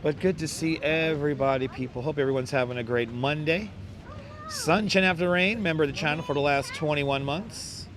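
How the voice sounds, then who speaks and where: A hoarse man with a slightly high-pitched, crackly, squeaky voice chats casually on a phone livestream from a beach boardwalk, speaking fairly quickly as he welcomes viewers by name over and over. Faint traffic and city sounds drift in through his wireless clip-on mic.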